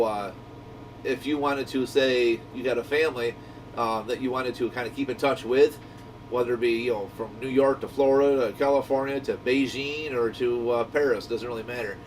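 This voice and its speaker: A man rambles casually through a product review, chatting enthusiastically with viewers the way a shop owner might. The mic sits at a distance, and a noisy, low rumbling hum runs underneath.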